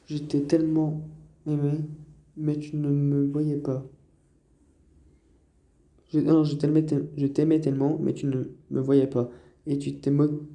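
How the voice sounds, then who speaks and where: A man voicing a troubled young woman who kills, reading her dialogue slowly and quietly. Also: on the high side. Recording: roomy echo.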